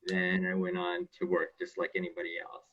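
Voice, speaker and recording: A man's voice: deep voice, sing-song, a little fast, gravelly, husky, highs cut off. A man from Thailand, a former mayor, introducing himself in a friendly way on a panel.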